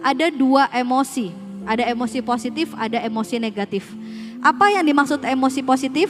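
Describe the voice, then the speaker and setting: A woman on a school's staff giving a casual parenting seminar, speaking straight to parents and asking them rhetorical questions. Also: fairly high pitch. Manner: conversational, mixes casual slang. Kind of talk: parenting seminar talk with slides.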